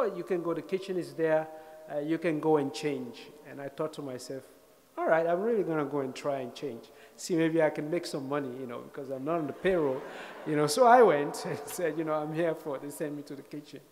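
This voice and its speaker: A man in his thirties from Sierra Leone, giving a speech as an invited speaker, telling a personal story with wry, self-deprecating humor and reflective pauses. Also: fairly high pitch. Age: 30s. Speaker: guest speaker. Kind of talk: storytelling lecture. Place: lecture hall stage.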